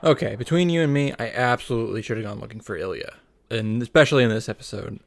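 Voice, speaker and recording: Talking fast in a creaky, mid-range voice, the host of a visual novel reaction series narrates a casual recap, peppered with dry, wry commentary. Music runs underneath.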